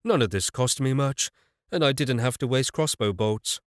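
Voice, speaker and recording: A man's voice: mid-range voice, moderate pace, no room sound, studio quality. A man narrating a fantasy audiobook in the first person, telling it evenly with a wry touch.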